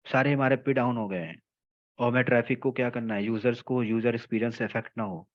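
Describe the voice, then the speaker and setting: A man gives a technical class at a patient, deliberate pace, going back over each point and pausing to check that his students follow. His voice sits at an ordinary middle pitch, and the recording sounds somewhat dull and muffled. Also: fairly even intonation. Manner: explains slowly in Hindi mixed with English terms, checks in often with "theek hai". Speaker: telecom trainer. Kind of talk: technical lecture.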